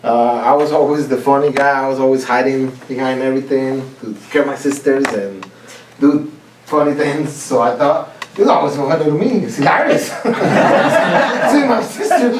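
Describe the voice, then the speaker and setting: Heard far away and echoey, a medium-pitched, expressive man from Costa Rica tells funny stories as a contest speaker in a club meeting room. He makes halting restarts and laughs at his own stories, and the distant mic yields a roomy sound with faint hiss.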